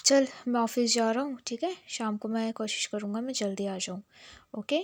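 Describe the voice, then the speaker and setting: A woman voicing an earnest young man, pleading and excitable, in a recapped romance series. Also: fairly high pitch, normal speed, no room sound, natural voice.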